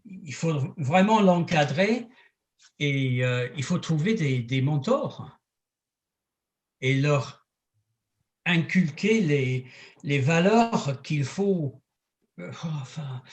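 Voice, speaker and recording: A man in a group discussion, speaking haltingly and searching for words. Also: a little high, animated, a little mellow. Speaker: discussion participant. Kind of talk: casual discussion.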